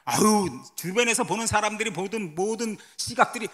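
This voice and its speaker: A man's voice: high voice, expressive, normal speed, a bit bright. A man who is a missionary pastor, giving a testimony sermon at a church service, telling his story dramatically and asking the congregation questions. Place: church sanctuary.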